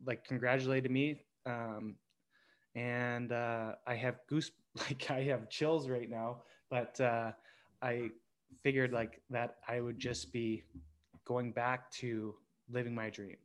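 A man in his thirties, a former pro hockey player, telling his story as a podcast guest in a halting way with many pauses. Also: medium pitch, level tone. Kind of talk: conversational storytelling.

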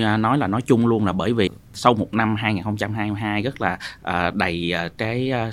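A man with a southern Vietnamese accent giving unscripted expert commentary as a guest, often pausing on filler sounds. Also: on the low side, fairly bright tone. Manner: halting, frequent filled pauses.

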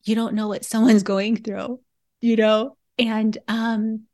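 A woman's voice: a little high, flat delivery, slow pace, dark tone. A woman guest in an interview, speaking earnestly and reflectively, often breaking into laughter. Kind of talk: candid interview conversation.

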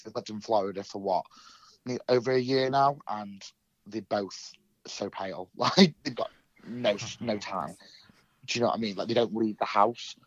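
Nasal from a cold, a young man from England tells his story in a casual interview, stumbling with many ums and restarts. He has a lowish voice, captured in a rough recording without echo.

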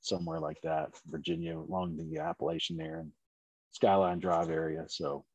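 Middle-aged male competition shooter, very low voice, rambling casual chat, dry close sound. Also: very animated, normal speed, vocal fry, a little mellow, no room sound, rough recording. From Maryland. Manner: rambling, many fillers.

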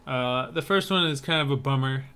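A man's voice: medium pitch, moderate pace, bright, forceful tone, smooth. A man co-hosting a podcast over a video call, talking in an easygoing way with dry humor. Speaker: podcast co-host. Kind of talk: casual chat. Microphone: remote video call.

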